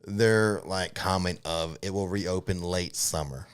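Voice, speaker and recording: Answering viewer questions on a casual theme park news show taped in a studio, a man co-hosts with a low, smooth, unhurried voice. He keeps things unscripted, explaining informally and matter-of-factly while hedging at times.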